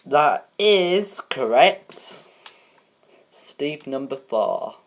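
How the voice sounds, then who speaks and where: A woman hosts a homemade game show parody in a very low voice. She speaks slowly and haltingly, with frequent ums and restarts as she reads out rules and questions. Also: very animated.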